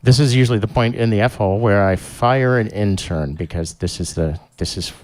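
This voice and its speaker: A man's voice: lowish voice, fairly quick, a little mellow. A man hosting a live-streamed show, chatting casually and rambling, with lots of fillers and restarts. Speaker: show host.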